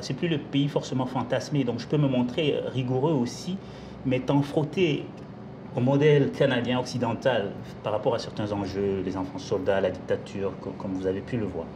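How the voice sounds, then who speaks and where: A man from Congo, a novelist, answering interview questions in a measured, articulate way with some hesitations. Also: medium pitch, background noise. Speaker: novelist guest.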